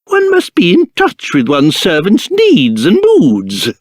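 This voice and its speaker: A fussy, fatherly old British king from a video game, with a high voice that swoops dramatically. He speaks in pompous, formal phrases at an unhurried pace, full of self-importance. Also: wildly swooping pitch, no echo, clean studio sound, heavily acted. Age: older. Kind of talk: video game character voice acting.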